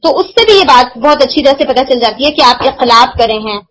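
High-voiced woman teaching recitation rules. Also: lively intonation, fairly bright tone, a little hiss or hum, rough recording. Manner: explains patiently, asks and answers her own questions, slows down to demonstrate sounds. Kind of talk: explanatory lesson.

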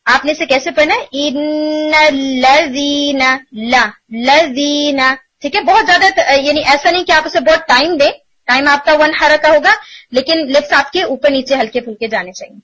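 A woman teaching tajweed to students, explaining patiently and sounding out syllables slowly as examples. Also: sits high, a bit bright, dull audio. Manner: explanatory, asks students rhetorical checks, demonstrates syllables slowly. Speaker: Quran recitation teacher. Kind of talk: online tajweed lesson in Urdu mixed with English.

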